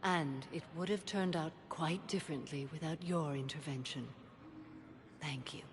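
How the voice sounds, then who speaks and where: An actress playing a stoic alien warrior matriarch in a video game, formal, measured and solemn. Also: female voice, low voice, lightly acted. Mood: solemn, reflective. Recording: clear background ambience noise.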